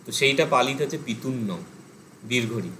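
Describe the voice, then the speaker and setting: A man's voice: mid-range voice, steady tone, fairly quick, fairly bright tone, a little hiss or hum, rough recording. A man teaching an online language class, explaining step by step, thinking aloud with fillers. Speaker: Pali teacher.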